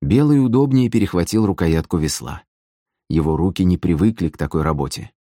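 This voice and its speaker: A man narrating an audiobook in an expressive, scripted storytelling manner. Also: rumbling low, brisk, dry recording, clean studio sound.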